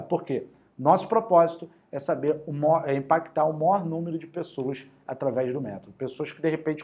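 A male math teacher with a Carioca accent runs a high-energy exam-prep lesson. His voice sits a bit high for a man, and his talk is lively, slangy and full of encouragement as he counts through each step aloud. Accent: Carioca Brazilian Portuguese.

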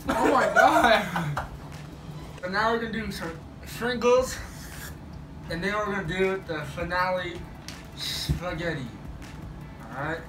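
A man's voice: sits high, unhurried, long pauses. A young man bantering casually during an eating challenge, talking with his lips stretched wide by a mouth retractor so his consonants slur. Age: young adult. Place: indoor room at a table. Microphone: distant camera. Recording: echoey room, distant mic, noisy background.

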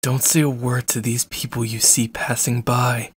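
In an ASMR roleplay, a man plays a jealous, controlling, menacing young stalker, his delivery cold, clipped, and quietly threatening, with a mood of controlled threat. His mid-range voice barely moves in pitch at a moderate pace, the acting is light, and there is slight background noise.

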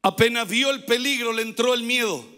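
A male pastor with a very high, bright, forceful voice preaches a sermon. He hammers his points by repeating phrases and at times rises to shouted pleas. The sound carries a long reverb from a church hall. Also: brisk, clear, resonant tone.

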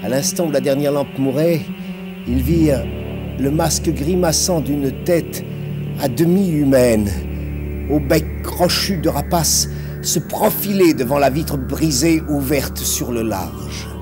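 A man telling a frightening story on television in a theatrical way, dropping to hushed tones and rising to cries. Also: on the high side, expressive, takes it slowly, over music. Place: television studio set of a haunted castle.

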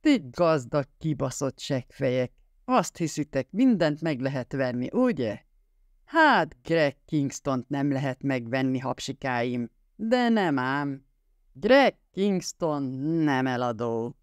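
A raging drunk husband, slurring and snarling as he bullies a room at gunpoint, put on by a male audiobook reader. The voice pushes up high and loud with wild swings. It is close and dry with no room sound. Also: very animated, no room sound, natural voice. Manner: snarling, yelling, slurring threats. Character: drunk violent jealous husband with a gun.

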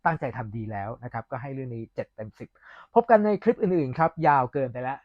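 A man giving a casual, candid and opinionated film review in a chatty vlog with pauses, recorded with a dull, lo-fi sound. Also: medium pitch, sing-song, dry recording.

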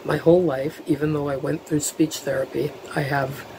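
A woman's voice: sits low, little pitch movement, normal speed, background noise. Middle-aged woman with a lisp. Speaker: vlogger. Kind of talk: casual talk to camera. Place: living room at home, indoors. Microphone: webcam at desk, close framing.

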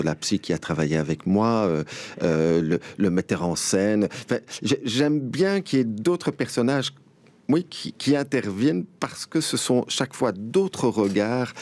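An older man, an actor answering interview questions in a halting way, often restarting and searching for words. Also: on the low side, darkish tone. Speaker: actor and guest.

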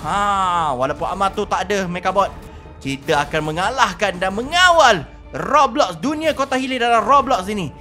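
Faint music plays behind a high-pitched man with a Malaysian accent who hosts a gaming video at a moderate pace. He gives theatrical, excited role-play commentary on his own play, repeating himself often.

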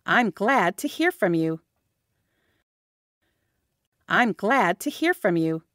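Woman English teacher, very slow drilling, word by word, lively rising and falling pitch, dry close sound. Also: dry recording. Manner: says each phrase whole, then word by word. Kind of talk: slow repeated phrase drilling.

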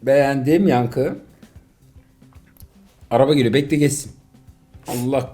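A middle-aged man talks through a mobile game he plays alongside his son. He is excitable and jokey, and flips quickly into exasperation. His voice sits in the middle range, with faint music underneath. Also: mid-range voice. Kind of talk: casual gaming commentary.

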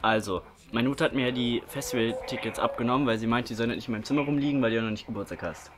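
A man's voice: mid-range voice, very fast. A young man chatting casually as the host of a prank-call video, recorded indoors. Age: young adult. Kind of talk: casual chat. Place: small indoor room with curtain behind. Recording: music faintly behind.

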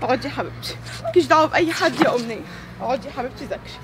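A woman's voice: high-pitched, racing, noisy background. A woman with an Egyptian accent acting a mother who pleads her innocence. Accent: Egyptian Arabic. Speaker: doorwoman and mother in a sketch. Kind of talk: comedy family drama acting.

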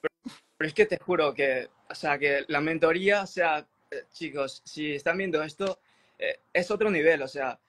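Young man from Ecuador, video call, eager admiring testimonial, a bit higher-pitched. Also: moderate pace, fairly bright tone. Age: young adult. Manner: eager, admiring, many fillers like "o sea" and "te juro". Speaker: mentorship student. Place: indoor room.

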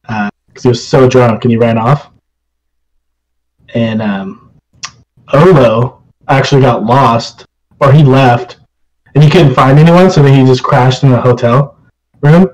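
A man's voice: medium pitch, a little mellow, muffled recording. A young man telling rambling stories in a casual chat, swearing and laughing often. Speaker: live stream host.

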